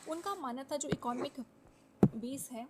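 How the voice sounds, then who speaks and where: High-pitched woman teaching over loud noise. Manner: explanatory, checks in with "okay?" and "ठीक है?" often; slows down to stress English key terms. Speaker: sociology teacher. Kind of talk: exam-prep lecture mixing Hindi and English.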